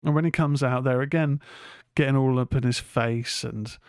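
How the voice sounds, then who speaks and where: A man's voice: medium pitch, steady tone, moderate pace, clean tone, dry recording, studio quality. A man hosting a film review podcast, chatting in a rambling way and swearing freely. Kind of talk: casual film review chat.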